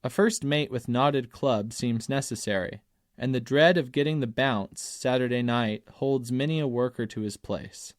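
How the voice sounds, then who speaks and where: Man reading an essay, dry and measured. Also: mid-range voice, no room sound. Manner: measured, emphatic, slows on key phrases. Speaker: audiobook narrator. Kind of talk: scripted narration of an essay.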